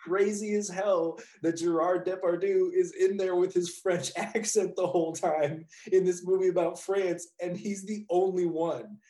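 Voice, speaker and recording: A man's voice: high voice, steady tone, a little slow, hardly any pauses, mellow. A man co-hosting a casual chat about a movie, rambling and laughing often, swearing casually. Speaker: podcast co-host. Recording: echoey room.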